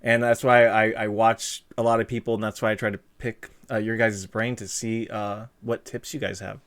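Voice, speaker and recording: Hosting a live stream, a young man interviews a guest, chatting loosely and reading viewer comments aloud with plenty of fillers and restarts. His voice is fairly low and fairly bright, delivered flatly at a moderate pace, and his manner is rambling and easygoing.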